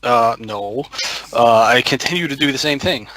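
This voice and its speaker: A man playing a tabletop game, thinking aloud slowly through his character's actions. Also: mid-range voice, fairly bright tone, dry recording. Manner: slow, thinking aloud with fillers and laughs. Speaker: player.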